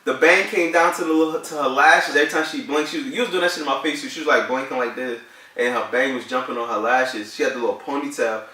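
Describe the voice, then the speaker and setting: A man's voice: mid-range voice, fast talker, sharp tone. A man in his thirties from New Jersey, telling a story casually on a vlog in slangy talk, acting out his own lines. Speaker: vlog co-host. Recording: echoey room, mic at a distance.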